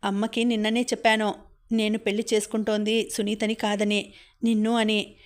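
A woman voicing an earnest young man who proposes in a soft, steady, pleading voice. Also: medium pitch, moderate pace, lightly acted. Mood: tender pleading.

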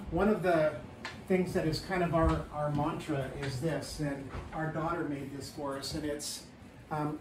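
Showing off his small wood-paneled tiny house indoors, a man in his fifties talks in a fairly high voice. He explains things in a plain, matter-of-fact way, saying um often, in a casual house-tour style. The camera sits a few feet away, giving a roomy, slightly distant recording with faint hiss.

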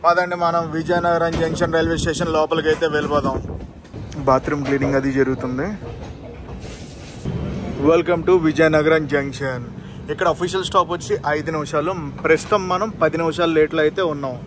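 A man's voice: fairly high pitch, fairly even intonation, fairly quick. A man narrating a casual train travel vlog, talking straight to his viewers and pointing out sights as he goes, recorded on a handheld phone. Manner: chatty, addresses viewers directly, points things out. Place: on a train and station platforms, outdoors. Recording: train and station noise behind.

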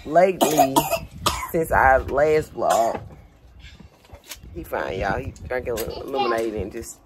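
A woman with a very deep, hoarse voice chats casually to her camera, rambling and filling gaps with "um". She sits outdoors on a porch, with heavy background noise running under her voice. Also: expressive, slow. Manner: loose and rambling, with many fillers. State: hoarse, voice going in and out. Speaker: vlogger and mother.

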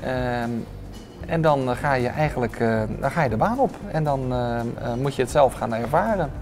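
A man in his thirties, a restaurant owner, answering interview questions with many hesitant filler sounds, recorded on a lapel mic in a bright restaurant dining room. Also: mid-range voice, animated, moderate pace, music in the background.

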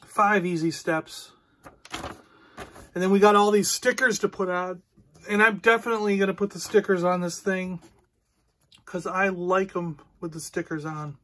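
A man's voice: sits high, fairly even intonation, measured pace, long pauses, a bit bright, a little hiss or hum. A man hosting a casual toy unboxing, rambling easily as he handles the pieces and talks through them. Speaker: toy reviewer and podcast host.

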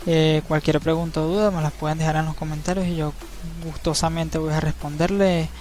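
A man narrating a screen-recorded tutorial, explaining each step in a relaxed, easygoing way and often checking in with the viewer. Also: fairly high pitch, fairly quick, slight background noise. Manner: relaxed, step-by-step, frequent tag questions. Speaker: crypto channel host. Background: faint background music.

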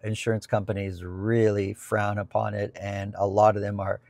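A middle-aged man with a low, gravelly voice talks casually through viewer questions from the seat of a parked car. He often restarts and repeats words as he explains. The lapel mic sounds close and dry. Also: level tone, moderate pace, a little mellow, dry recording. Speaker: real estate agent and co-host. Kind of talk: casual Q&A chat.

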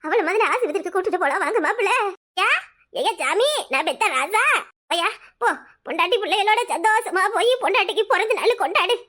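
A woman's voice: extremely high pitch, animated, brisk, a bit bright. A woman voicing an elderly village mother in a cartoon comedy, who wails, scolds and laments. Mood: lamenting.

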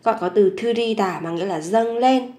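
A woman teaching a language lesson. She says each phrase several times, slowly and clearly, and then explains it. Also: mid-range voice, mellow, echoey room.

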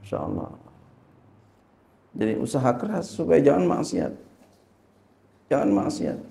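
A man's voice: a little high, sing-song, moderate pace, creaky, mellow, echoey room. A male Islamic teacher teaching a religious lesson. He reads Arabic text, translates it and asks rhetorical questions.

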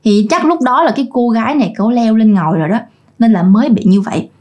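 Brief: woman, fairly high voice, chatty ghost-story teller who talks straight to her audience. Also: fast talker, a little mellow. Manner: chatty, colloquial, addresses listeners.

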